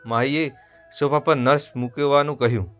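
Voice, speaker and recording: A man's voice: mid-range voice, fairly even intonation, normal speed, clear, resonant tone. Man telling a Gujarati family story. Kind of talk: scripted story narration. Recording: dull lo-fi voice over soft music.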